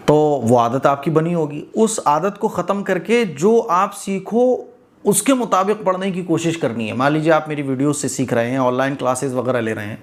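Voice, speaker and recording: A man teaching Quran reading in an informal lesson, talking straight to learners in an encouraging way. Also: fairly high pitch. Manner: demonstrates recitation, drawing out words very slowly; encouraging, direct address to learners.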